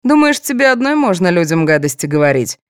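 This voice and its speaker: A woman's voice: fairly low pitch, sing-song, fairly quick, smooth, dry recording, clean studio sound, voice pushed up. A woman reading an audiobook, voicing an older grandmother who is fussy, quarrelsome and fiercely protective of her granddaughter. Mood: indignant. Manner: indignant, scolding.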